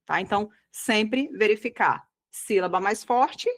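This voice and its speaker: Brazilian woman teaching, didactic and patient. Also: medium pitch. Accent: Brazilian Portuguese. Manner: didactic, checks in often with "tá?" and "tá bom?"; slows down to stress key words. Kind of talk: online exam-prep lesson.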